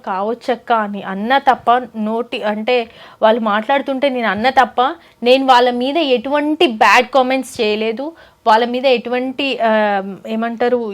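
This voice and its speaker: A young woman, a folk singer giving earnest, pleading interview answers, close to tears. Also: on the high side.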